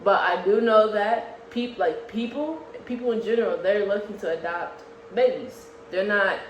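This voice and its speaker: This early-twenties vlog co-host argues earnestly in a casual on-camera exchange, restarting often as she stumbles over her words. She speaks at a normal speed in a mid-range voice, recorded in an echoey room with faint hiss.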